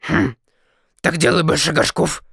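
A man voicing a sly, good-humored male dragon in a storybook reading, talking in a mocking, lively way. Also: on the high side, a little slow, creaky, breathy edge, no echo, clean studio sound, full character voice.

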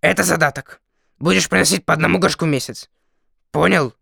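A sly, amused male dragon from a storybook, as a man puts him on, mocking the people he talks to in a lively, teasing way. The voice sits fairly high and has a gravelly edge. It sounds dry and close, with no room around it. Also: brisk, no room sound, full character voice. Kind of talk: storybook reading.

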